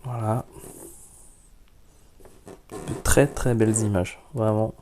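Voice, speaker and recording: A man's voice: on the low side, steady tone, slow pace, mellow, a little hiss or hum. A man hosting a casual unboxing vlog, talking frankly about a model kit with lots of hesitations. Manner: chatty, many hesitations, frank opinions. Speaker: YouTube model-kit reviewer.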